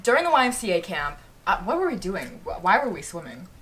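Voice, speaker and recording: A woman's voice: on the low side, very animated, quick pace, a crowd in the background. A young woman hosting a casual chat with her sister, telling a shared childhood story in a teasing, chatty way with lots of "like". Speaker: vlogger, channel host.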